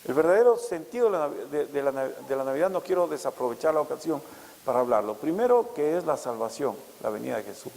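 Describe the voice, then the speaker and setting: A male pastor preaching a sermon, asking rhetorical questions and rising loud and high for emphasis. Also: very animated, fast talker, gravelly, big-room sound, low-quality recording.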